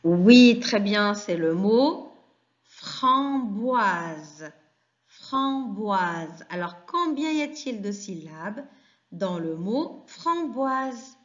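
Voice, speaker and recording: A woman teaches very young pupils at an unhurried, deliberate pace, stretching out every word and pausing for answers. Her questions and quick praise come in a patient classroom manner. The sound is dull and a little lo-fi. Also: medium pitch, sing-song. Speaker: French teacher. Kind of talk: classroom lesson for young children.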